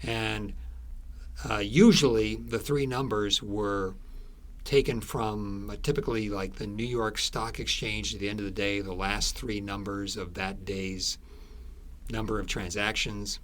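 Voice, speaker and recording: A man with a steady tone, pitched on the low side, is interviewed as an author. He tells stories conversationally, using halting, explanatory phrases broken by thoughtful pauses.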